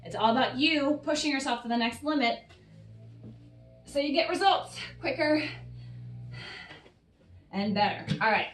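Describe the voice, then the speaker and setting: A woman's voice: high-pitched, unhurried, long pauses, far from the mic, faint music behind. A woman fitness coach guiding a workout, encouraging and cueing each breath and rep, a little out of breath. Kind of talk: workout instruction. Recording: roomy sound, voice off-mic.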